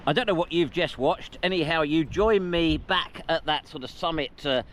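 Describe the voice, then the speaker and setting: A man's voice: fairly high pitch, moderate pace, a bit bright. A man presenting an outdoor vlog, chatty and self-mocking, recorded on a camera mic on an exposed hilltop. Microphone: camera mic carried outdoors. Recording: heavy wind and rain noise outdoors.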